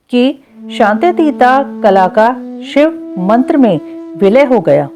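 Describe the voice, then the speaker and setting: Mellow lively woman reading scripture. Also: on the high side. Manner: measured, chanting Sanskrit verses slowly. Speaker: scripture reader. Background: faint background music.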